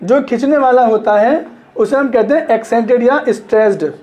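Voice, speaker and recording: A man's voice: very high-pitched, normal speed, dark tone. A man teaching literature in a classroom lecture, repeating points, checking understanding and stretching words to show stress.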